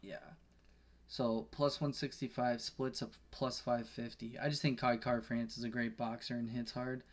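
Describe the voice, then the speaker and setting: Rambling casual man with a flat voice. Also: medium pitch, normal speed. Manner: rambling, swears, self-corrects often. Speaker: podcast co-host. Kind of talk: casual betting-picks chat.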